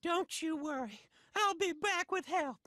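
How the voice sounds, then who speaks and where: Very high, frail old man. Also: measured pace. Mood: tender, determined. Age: older. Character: frail, devoted elderly male neighbour with wartime grudge. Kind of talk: animated sitcom acting.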